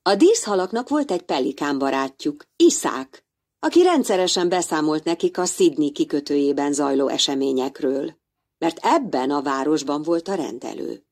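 Low husky woman reading a storybook. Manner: expressive, lively storytelling. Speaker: narrator.

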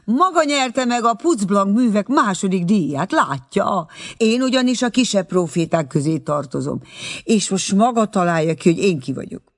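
A man's voice: high-pitched, lively intonation, voice pushed up. A man voicing a friendly young man who speaks courteously and teasingly. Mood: cheerful.

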